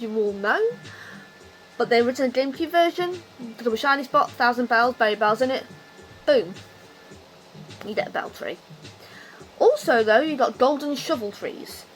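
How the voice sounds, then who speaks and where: Heard on a low-quality recording, her high-pitched voice has a fairly bright tone. The woman, a video game commentator, is drunk and rants without a script about her hobby, rambling, loose-tongued and emphatically opinionated in an exasperated way.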